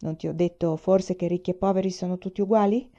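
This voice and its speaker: A woman voicing a calm, good-natured young peasant man who speaks plainly. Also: on the low side, quick pace, natural voice. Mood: wondering. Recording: dull lo-fi recording.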